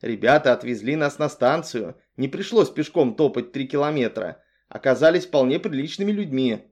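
A man's voice: medium pitch, lively intonation, normal speed, a little mellow. A man reading an audiobook, voicing a fussy, sarcastic young woman who scolds her friend. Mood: snippy. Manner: snippy, scolding. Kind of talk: audiobook character voice.

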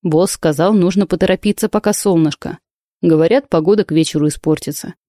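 A woman's voice: on the low side, mellow, dry recording, clean studio sound, lightly acted. A woman doing a drawling joker of thirty. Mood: brisk. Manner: drawling, slow, mock-grand. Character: young male coworker, joking, teasing, about thirty. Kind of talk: audiobook reading.

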